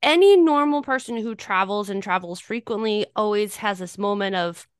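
A woman co-hosting a podcast, chatting playfully and laying out details of a news story. Her voice is smooth and clear. The recording is dry and close. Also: medium pitch, normal speed, no room sound. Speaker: podcast co-host. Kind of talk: casual podcast banter.

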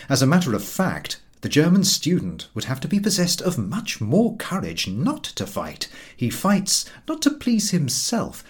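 Reading a funny literary essay as an audiobook narrator, a man delivers it in a measured, wry, expressive manner. His mid-range voice is slightly rough.

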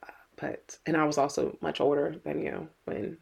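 A woman's voice: low voice, steady tone, normal speed, gravelly, darkish tone, breathy edge. A middle-aged woman co-hosting a podcast as a mother, talking earnestly and with worry, often repeating her words. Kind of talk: casual podcast chat.

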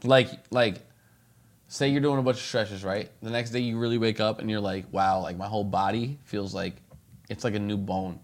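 A man's voice: fairly low pitch, steady tone, moderate pace. A young man chatting casually with friends in a slangy, profane frat bro manner. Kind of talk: casual chat among friends.

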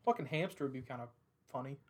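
A woman's voice: extremely low pitch, quick pace, darkish tone, breathy edge. A woman hosting a podcast, reading out silly questions and riffing on them with profane, giggly humor. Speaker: podcast host asking questions. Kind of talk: crude casual banter.

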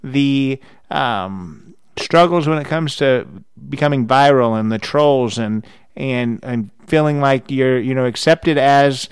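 A man's voice: medium pitch, takes it slowly, clear, resonant tone, no echo. A man hosting a podcast interview, talking casually with many restarts and fillers. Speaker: podcast host.

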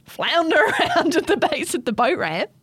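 A woman's voice: sits high, normal speed, no echo. A young woman with an Australian accent, co-hosting a casual podcast chat, telling stories with lots of swearing and laughter. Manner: swears freely, laughs often, tells animated stories. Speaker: podcast co-host.

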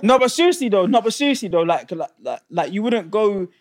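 A man riffs in loose, animated podcast banter. His voice sits a little higher than most men's, and he repeats words for comic effect. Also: brisk, no echo, clean studio sound. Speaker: podcast co-host. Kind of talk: casual banter.

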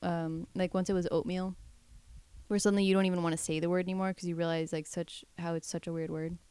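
Playful woman with a clear voice. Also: fairly low pitch, flat delivery, fast, warm tone, dry recording. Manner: playful, jokey wordplay. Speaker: podcast co-host. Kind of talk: casual chat.

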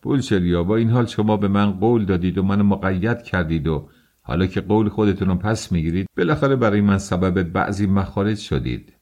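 A man voicing a haughty middle-aged suitor who speaks in a stiff, contemptuous, measured way, in an audiobook. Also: low voice, a little mellow, close to an everyday voice. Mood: cold.

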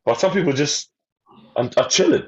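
A man's voice: a little high, expressive, moderate pace. Male podcast host, swooping intonation, bemused banter, muffled recording. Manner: slangy street talk, bemused and exclamatory.

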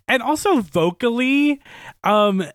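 A man's voice: very high-pitched, takes it slowly, clear, resonant tone, no echo. Guy cohosting a chill podcast, bouncy voice, laughs a lot, dry close mic. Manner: animated, laughs often, swears casually. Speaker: podcast co-host. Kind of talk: casual chat.

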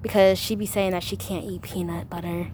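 A woman's voice: on the low side, fairly even intonation, a little fast, darkish tone, a little hiss or hum. A young woman, a college student, talking as a podcast guest in a chatty way, full of "like". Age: young adult. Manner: chatty, fills speech with "like". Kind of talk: casual chat.

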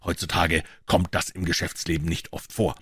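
A man voicing a shrewd, calm detective who explains in a low, measured, quietly assured way in an audiobook. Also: husky, no room sound, clean studio sound. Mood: dry. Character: shrewd calm male detective, dryly ironic. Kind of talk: audiobook character voice.

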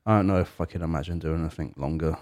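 A man with a very low, deep voice talks loosely about bands and touring. His speech wanders, padded with "like" and "kind of thing". It's the easy tone of a relaxed podcast chat. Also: very fast. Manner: rambling, lots of "like" and "kind of thing". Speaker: podcast co-host. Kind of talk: casual chat about music.

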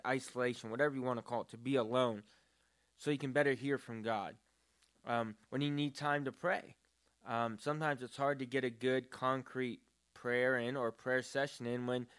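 A man's voice: medium pitch, a bit bright. A man talking about prayer in a casual, earnest and rambling way, with many fillers. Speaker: podcast co-host. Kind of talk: casual faith talk.

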